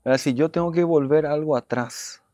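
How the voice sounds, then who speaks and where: A man, a former footballer telling his story as an interview guest; he talks earnestly, repeats his phrases and often drops to a soft low voice. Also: fairly quick, dry recording. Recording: dull dry studio sound.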